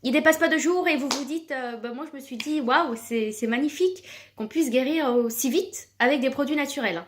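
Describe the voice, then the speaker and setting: Speaking at a normal pace in a high voice, a mother shows off a cream she sells in a casual vlog. Her chatter is full of fillers and repeated words.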